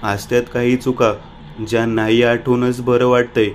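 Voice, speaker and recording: A man's voice: mid-range voice, level tone, normal speed, slight background noise, close to an everyday voice. A man voicing a rustic, teasing village man who is a caring old friend, in a storybook reading.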